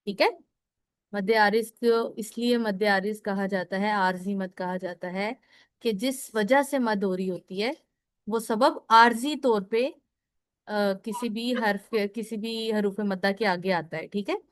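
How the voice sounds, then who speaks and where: A woman's voice: fairly high pitch, no echo, clean studio sound. A woman teaching a recorded lesson on Quran recitation. She explains step by step, asks questions and answers them herself, and often checks in with listeners. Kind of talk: recorded lecture.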